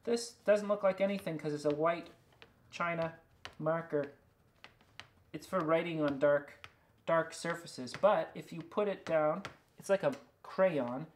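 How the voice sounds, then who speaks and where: Working in a small studio among books and records, an illustrator who also writes picture books muses aloud as he draws and casually shows off his work. His voice sits a little high and unhurried, with a faint hiss or hum in the audio.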